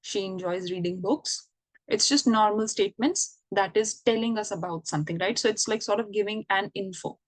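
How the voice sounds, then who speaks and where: A woman's voice: medium pitch, a little fast, few pauses, dry recording. A woman giving an online English grammar lesson, explaining patiently and checking in with the listener. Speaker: English teacher.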